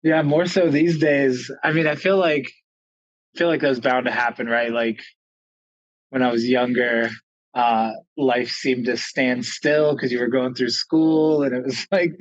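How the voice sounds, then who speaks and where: A man's voice: mid-range voice, no room sound. A man interviewing a guest over a video call, talking in an easygoing, hesitant way with many fillers. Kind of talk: casual video call chat. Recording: dull, dry video call audio.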